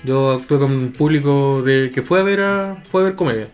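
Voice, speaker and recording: A man's voice: medium pitch, moderate pace, darkish tone, soft background music. A young Chilean man, a comedian, co-hosting a casual podcast and teasing the others with questions. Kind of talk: casual chat.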